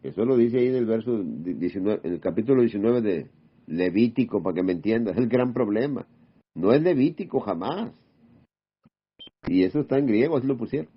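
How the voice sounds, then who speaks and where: Low-voiced man preaching, dull recording. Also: expressive, a little fast, breathy edge. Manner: rhetorical questions with a checking "mm?" tag. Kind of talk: informal sermon.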